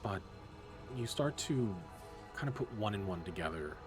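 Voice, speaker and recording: Low-voiced guy running a tabletop game, kinda halting, music playing behind. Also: lively intonation. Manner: loose, hesitant narration with restarts. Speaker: game master.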